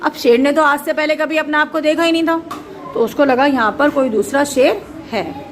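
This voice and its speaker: A woman teacher telling a story to a class of children in an animated way, asking them questions as she goes. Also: sits high, normal speed, a little hiss or hum.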